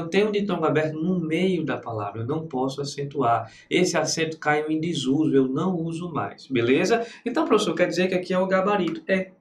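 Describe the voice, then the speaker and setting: A man's voice: a little high, reverberant, a little hiss or hum. A Brazilian man teaching grammar for exam prep, who keeps answering his own students' questions. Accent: Brazilian Portuguese. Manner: lively, talks to himself as the student.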